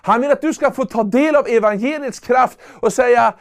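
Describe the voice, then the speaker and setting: A man preaching a sermon in an earnest, emphatic way, at times rising to loud calls. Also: very high-pitched, creaky.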